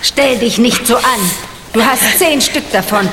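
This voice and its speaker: A woman's voice: a little high, unhurried, noisy background. An actress in a German audio drama playing a scheming villainess, sneering and impatient as she orders a dim henchman around. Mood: irritated, sneering.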